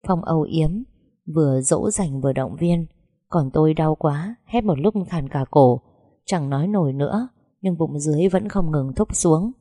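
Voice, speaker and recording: Low, warm female storyteller, first-person audiobook; dry close recording. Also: normal speed, no echo. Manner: calm, emotional storytelling. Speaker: narrator.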